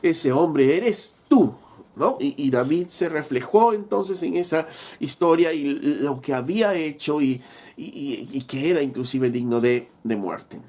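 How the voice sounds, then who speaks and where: A man's voice: fairly high pitch, measured pace, darkish tone. A man preaching a sermon, telling a story with rhetorical questions and acting out biblical dialogue. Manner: acts out biblical dialogue in quoted voices.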